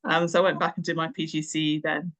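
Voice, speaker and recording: Reflecting on her working life, an English teacher and tutor in her fifties, raised in Nairobi, Kenya and schooled at an English boarding school, speaks fast in a deep, fairly bright voice with little pitch movement. As an interview guest she chats hesitantly, stressing certain words.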